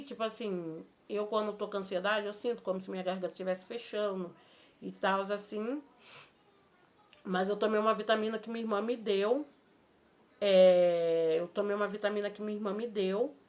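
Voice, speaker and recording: A Brazilian Portuguese woman telling a personal story in a vlog, emotional and halting, often repeating her phrases. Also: mid-range voice. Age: adult with a child. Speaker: vlogger.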